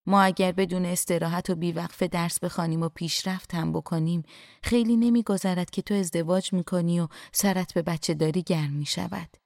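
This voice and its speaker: A woman voicing a kind older male scholar who speaks softly and with measured affection in an audiobook reading. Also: high-pitched, fairly even intonation, no echo, studio quality. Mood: calm.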